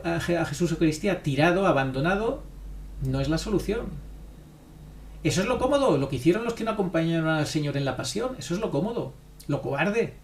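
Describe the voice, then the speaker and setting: A man's voice: a little high, darkish tone. A man giving impassioned religious commentary, insistent and preachy, hammering his points through repetition. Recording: roomy echo.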